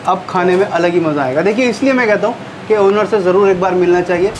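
Background music plays beneath a middle-aged man's high-pitched, fast voice as he samples food for his casual vlog. Wearing a lapel mic in a small eatery with a noisy background, he keeps up an enthusiastic, chatty commentary.

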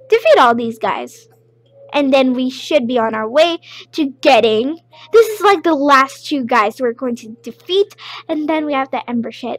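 High-pitched lady chatting through a video game, rambly and easily excited. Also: dry recording. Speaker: gameplay video creator. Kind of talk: casual gameplay commentary.

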